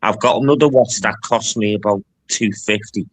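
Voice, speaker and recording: A man's voice: on the low side, moderate pace, low-quality recording. A middle-aged man, a guest in casual live-stream chat, telling long stories and swearing freely.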